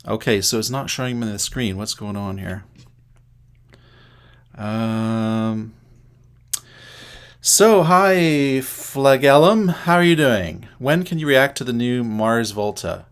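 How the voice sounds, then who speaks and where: A man's voice: mid-range voice, animated, takes it slowly, pauses often, smooth. A middle-aged man from Canada hosting a casual livestream, chatting to viewers by name and thinking aloud as he sets things up. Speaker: livestream host.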